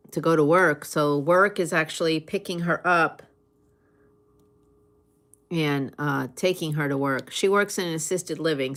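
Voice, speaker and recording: A woman chatting casually in an unhurried, conversational way, with pauses as she replies to listeners. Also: deep voice. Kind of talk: casual chat.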